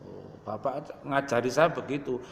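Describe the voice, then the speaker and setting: A man's voice: mid-range voice, normal speed, gravelly, slight background noise. A man in his fifties with a Javanese accent, preaching a sermon and telling stories in which he acts out his parents' prayers. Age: 50s. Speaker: Islamic preacher. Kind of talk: sermon mixing Indonesian and Javascript dialect. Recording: echoey hall with long reverb.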